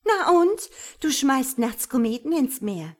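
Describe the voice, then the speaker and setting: A woman's voice: mid-range voice, very animated, unhurried. A woman reading a storybook aloud and voicing a cheeky, defiant female angel with a brash, slangy way of talking. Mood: spiteful.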